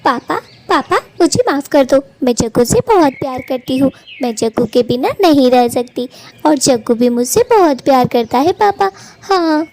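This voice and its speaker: A woman's voice: sits high, expressive, normal speed, a little mellow. A woman voicing a young daughter bird in a cartoon who pleads tearfully with her father. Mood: frightened. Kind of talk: Hindi cartoon voice acting.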